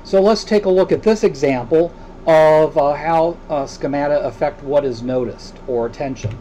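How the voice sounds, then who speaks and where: A man delivers a recorded lecture in a slightly high, soft and mellow voice. He talks in a loose, unscripted way, pausing often with filler sounds as he works through each point. There is a faint hiss behind him. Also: rough recording. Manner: hesitant, many filler sounds.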